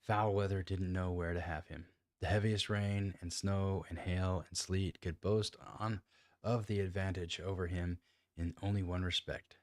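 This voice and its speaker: A man's voice: sits low, fairly even intonation, measured pace, no room sound, clean studio sound. A man reading a classic novel aloud, often stumbling, restarting lines and commenting on his own reading. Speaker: amateur reader.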